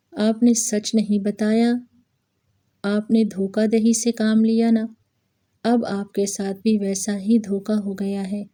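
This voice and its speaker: A woman narrator voicing a calm, firm young man in a wheelchair, speaking in a quiet, measured, reproachful way. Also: mid-range voice, lightly acted.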